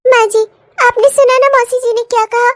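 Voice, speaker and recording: A woman's voice: extremely high pitch, fairly even intonation, moderate pace. A woman voicing a timid, unhappy young bride in a cartoon comedy, speaking plaintively. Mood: sad. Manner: plaintive, self-doubting.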